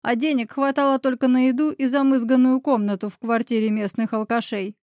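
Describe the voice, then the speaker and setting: A woman's voice: steady tone, a little fast, darkish tone, no echo, close to an everyday voice. A woman reading the part of a bitter, defensive middle-aged woman in an audiobook, voice close and dry. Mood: bitter confession. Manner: shrill and defensive. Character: bitter scheming middle-aged woman, future mother-in-law.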